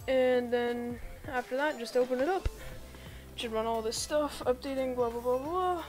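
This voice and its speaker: A YouTube tutorial creator walks viewers step by step through a computer setup in a casual screen-recorded voice-over, chatting as she goes. She's sick, so her high-pitched, slightly mellow voice sounds a bit off. She speaks at a normal speed over soft background music.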